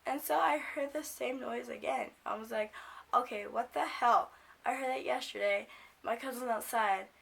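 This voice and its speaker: A young American woman tells a story in an informal, rambling way. Her voice is fairly high but croaky and creaky, with a smoker's rasp brought on by a cold. She talks casually and swears freely. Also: fairly even intonation, moderate pace. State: sick with a cold, coughing. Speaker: video blogger.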